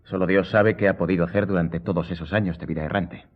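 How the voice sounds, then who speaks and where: A worldly, ironic gentleman count in a radio drama. His low voice is theatrical and courtly, and the recording is muffled and thin like a telephone line. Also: fairly even intonation, fast. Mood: emphatic, ironic. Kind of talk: Spanish radio drama acting.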